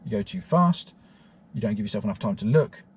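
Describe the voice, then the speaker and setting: Sitting in a car, a male driving instructor explains technique in a steady, repetitive teaching style full of fillers. His voice is fairly low and fairly quick, with slight background noise.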